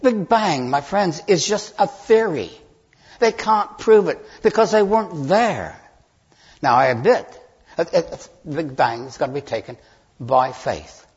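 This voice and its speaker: A man preaching a sermon in a church, earnest and halting, restarting phrases and stressing key words. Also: on the high side, lively intonation, husky. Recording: dull, lo-fi sound.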